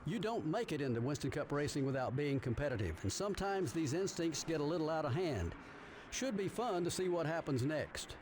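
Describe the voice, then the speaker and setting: A man's voice: a little high, very animated, brisk. A man voicing a composed male TV race announcer in a racing game, with scripted broadcast commentary delivered evenly. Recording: loud race car noise behind.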